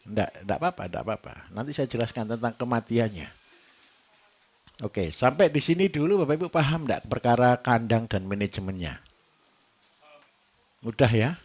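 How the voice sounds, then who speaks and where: A man with a Javanese accent runs a farming workshop, his voice swinging widely up and down as he jokes. He keeps firing questions at the room and waits for the audience to answer. It sounds like a live lecture, not a script. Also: mid-range voice. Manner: lively, joking, quizzes the audience. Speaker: livestock trainer.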